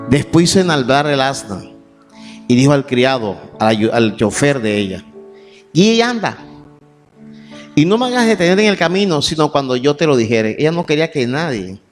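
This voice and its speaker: A man preaching a sermon, reading scripture verses and then building to shouted emphasis. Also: medium pitch. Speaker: pastor. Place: church sanctuary. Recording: long church reverb, faint music.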